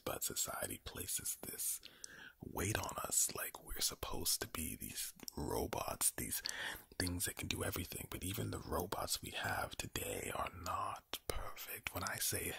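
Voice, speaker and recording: Whispering right up against the microphone, an ASMR creator delivers a pep talk in a low, very breathy voice, with slow, deliberate phrasing full of repetition and rhetorical questions. A creaky undertone makes him sound ominous, almost villainous. His pitch swoops wildly, the sound is pushed and bright, and the recording is dry.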